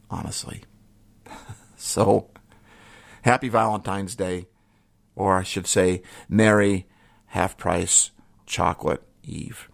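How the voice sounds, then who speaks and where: Earnest man with a gravelly low voice. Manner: earnest, emotional, with soft laughs and trailing quiet endings. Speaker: podcast host. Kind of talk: reflective solo podcast talk.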